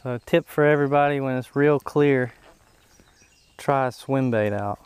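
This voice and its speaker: A man's voice: mid-range voice, moderate pace, music in the background. A man fishing at a rural pond, chatting offhand and giving tips while filming on an action camera, often off mic. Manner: relaxed, offhand remarks and tips. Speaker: angler, channel host. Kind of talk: casual fishing vlog chat. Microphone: action camera, often far from the mic.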